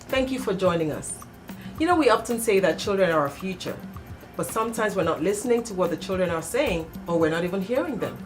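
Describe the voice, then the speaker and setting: A woman's voice: mid-range voice, expressive, a little fast, music in the background. A woman hosting a studio talk show, welcoming guests and steadily asking them questions.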